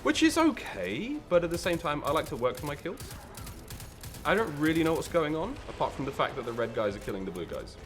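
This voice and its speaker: A young man hosting a gaming show, bantering and joking excitedly while he plays. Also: fairly high pitch. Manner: excitable, jokey, quick exclamations. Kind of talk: casual let's-play banter. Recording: game music behind.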